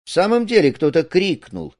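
A man voicing a boisterous, mocking carousing man who talks loudly and teases. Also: high voice, sing-song, moderate pace, voice pushed up, heavily acted. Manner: loud, brash, teasing.

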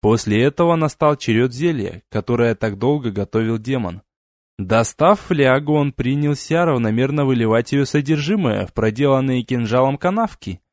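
A man reads a first-person fantasy audiobook in a steady, even way. His voice sits at a middle pitch. The home recording is close and dry, with no room sound. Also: moderate pace, dry recording. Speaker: audiobook narrator. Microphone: home studio mic.

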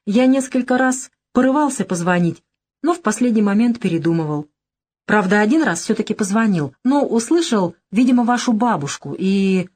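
A woman's voice: medium pitch, animated, normal speed, natural voice. Woman reading a shy, earnest young man. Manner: gentle, unsure, polite. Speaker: audiobook character. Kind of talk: audiobook dialogue reading.

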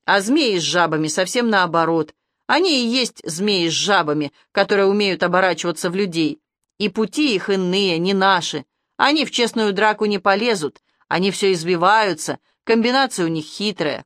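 A woman voicing a gruff old male werewolf police major who rants and lectures. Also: mid-range voice, lively intonation, normal speed, fairly bright tone, no echo, clean studio sound, natural voice. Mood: lecturing. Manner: ranting, lecturing.

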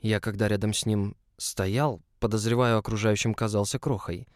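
A man reading a first-person audiobook in a calm, even, low-key way. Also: moderate pace, no echo, studio quality. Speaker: audiobook narrator.

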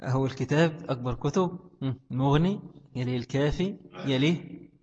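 A man's voice: medium pitch, moderate pace, darkish tone, a little hiss or hum. Egyptian man teaching with rhetorical questions. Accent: Egyptian Arabic. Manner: asks questions and answers them himself. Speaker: religious studies teacher. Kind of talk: classroom lesson explaining a text. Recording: echoey hall, dull lo-fi sound.

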